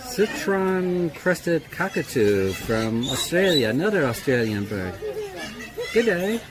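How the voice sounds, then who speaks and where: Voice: mid-range voice, sing-song, slow, a crowd in the background. A visitor chatting casually for a vlog and reading out signs at a bird park. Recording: very noisy outdoor bird park.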